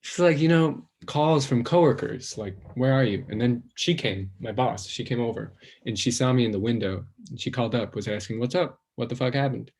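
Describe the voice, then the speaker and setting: An actor playing an anxious, self-conscious young man who rambles, stalls and trails off into quiet self-doubt in a stage play. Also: medium pitch, brisk, few pauses, husky. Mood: rambling, ashamed.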